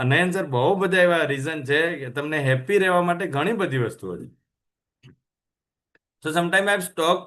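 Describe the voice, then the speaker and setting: A man's voice: fairly high pitch, fairly bright tone. A man hosting a health channel, giving a casual motivational talk, chatty and full of rhetorical questions, mixing languages.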